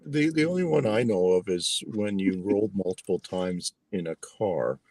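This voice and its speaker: A man's voice: deep voice, lively intonation, moderate pace, a little mellow, no echo. A man on a casual podcast, easygoing, adding joking asides.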